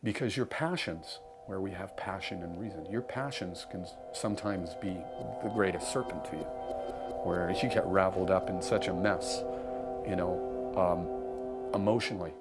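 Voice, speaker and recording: Male reflective storyteller, low register, earnest and poetic phrasing, music underneath. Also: normal speed. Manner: lyrical, musing, earnest. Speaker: harp player.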